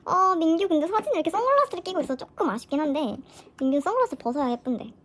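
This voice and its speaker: A woman chatting casually through an unboxing vlog, gushing with excitement as a fan. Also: very high voice, rapid-fire. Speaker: vlogger.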